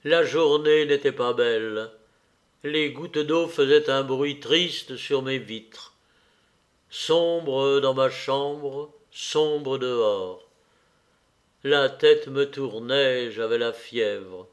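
A man narrating a literary novel aloud in an expressive, measured, emotional way. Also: medium pitch. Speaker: audiobook narrator.

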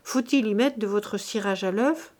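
A woman's voice: medium pitch, normal speed, darkish tone, natural voice. A woman voicing a blunt, stubborn peasant servant woman who speaks her mind. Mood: insistent.

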